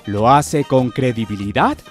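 A man's voice: mid-range voice, expressive, a little slow. A man narrating a scripted television feature as its reporter. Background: background music.

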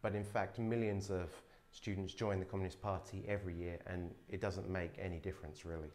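This man in his thirties, an urban explorer vlogger, gives a casual walking tour inside an abandoned dormitory building, curiously explaining what he finds. His voice sits low with a steady, slightly mellow tone and a brisk pace. He films on a phone camera held at arm's length.

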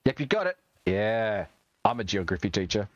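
A young Australian man talks through a game stream with a low voice that swings widely in pitch. He jokes and swears as he goes, and the recording sounds a little dull and lo-fi. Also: sing-song, normal speed, dry recording. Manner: chatty, swears and jokes while playing. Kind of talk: gaming livestream commentary.

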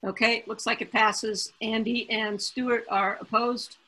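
A woman runs a council meeting over a video call, with a bright tone and a slightly husky edge. She moves through motions briskly and cracks small jokes along the way. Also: a little high, little pitch movement, poor audio. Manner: joking, brisk, chatty. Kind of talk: casual meeting chairing.

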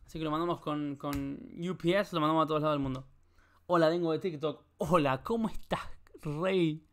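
Joking Rioplatense streamer, slightly high voice. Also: male voice, steady tone, a little fast. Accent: Rioplatense Spanish. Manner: rambling, joking, swears a lot, talks to chat. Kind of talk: casual live-stream chat while solving a puzzle.

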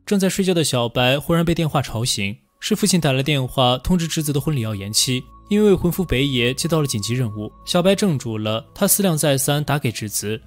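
A man narrating a film recap in a steady, scripted storytelling voice. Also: medium pitch.

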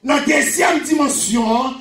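High-voiced Haitian preacher shouting in echoey hall. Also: male voice, takes it slowly, faint music behind. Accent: Haitian Creole. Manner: preaching with frequent shouted emphasis and repeated phrases. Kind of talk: sermon. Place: small church hall with pulpit. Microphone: handheld microphone. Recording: echoey church room, camera from a distance.

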